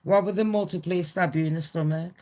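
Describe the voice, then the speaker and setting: A woman's voice: lowish voice, steady tone, brisk, warm tone. A woman hosting a live celebrity gossip stream, casual, blunt and sweary, talking straight to her viewers. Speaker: gossip channel host.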